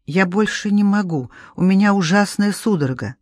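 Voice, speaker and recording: A woman's voice: medium pitch, lively intonation, normal speed, no echo, clean studio sound, lightly acted. A woman voicing an exhausted woman swimmer who murmurs weakly, faintly irritated. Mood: weary. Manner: weak, murmuring.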